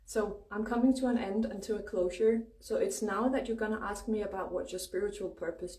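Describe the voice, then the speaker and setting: Mellow Danish-accented woman in echoey room. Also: mid-range voice. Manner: informal, freely swearing, emphatic pauses. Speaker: spiritual astrology host. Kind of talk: casual spiritual livestream talk. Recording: roomy echo, distant microphone.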